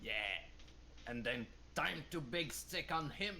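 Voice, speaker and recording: A man of medium pitch speaks as a tabletop player. His delivery is deliberate and playfully dramatic, with strongly animated intonation. There is faint noise in the recording. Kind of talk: casual game role-play.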